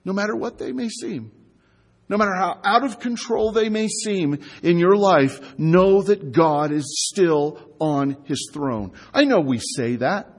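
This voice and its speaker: Husky high-voiced preacher. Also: male voice, a little slow, big-room sound. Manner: conversational preaching with rhetorical questions to the congregation. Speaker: pastor. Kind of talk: sermon.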